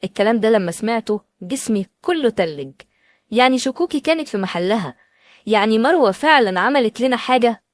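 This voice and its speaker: A woman's voice: on the high side, lively intonation, quick pace, no room sound, clean studio sound. A woman with an Egyptian accent, telling a dramatic first-person story in an emotional, anxious way. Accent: Egyptian Arabic.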